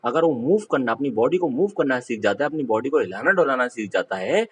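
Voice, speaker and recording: Husky-voiced man teaching a poetry lesson. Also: lively intonation, fairly bright tone, rough recording. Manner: reads English verse slowly and higher, explains in Hindi. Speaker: school teacher. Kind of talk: classroom poetry lesson, reading lines then explaining.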